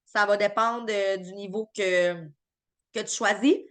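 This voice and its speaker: A woman's voice: mid-range voice, fairly even intonation, unhurried, a bit bright. A woman with a Québécois French accent, chatty and upbeat, answering viewers' chat questions on a live stream with lots of fillers and restarts.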